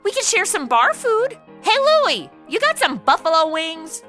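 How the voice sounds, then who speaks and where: Heavily acted and very high-pitched, a woman's bright, lively voice carries the lead role of a brash, snarky American party girl in a comedy audio drama. She narrates and banters at a measured pace, sounding tipsy and sarcastic, with music faint in the background.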